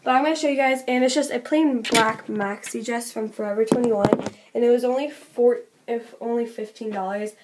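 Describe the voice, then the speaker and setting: A young woman talks into her camera at home, chatting through a shopping haul. Her voice sits a little high, and she peppers her talk with "like" and quick giggly asides. A faint hiss sits under the recording. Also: steady tone. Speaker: vlogger. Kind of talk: casual haul vlog.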